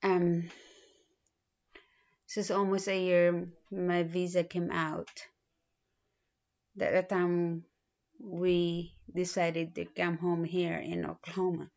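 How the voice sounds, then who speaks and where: A woman in her thirties from the Philippines, speaking with a Filipino accent, introducing herself in a halting way with many pauses and restarts. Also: fairly low pitch, monotone, vocal fry, darkish tone. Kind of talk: self-introduction video. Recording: dull lo-fi recording.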